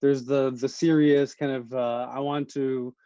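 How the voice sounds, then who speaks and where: The American co-host of this relaxed podcast uses a mid-range, dark, smooth voice with flat delivery and a measured pace, asking questions to lead the chat. It's a dull, dry recording with no echo.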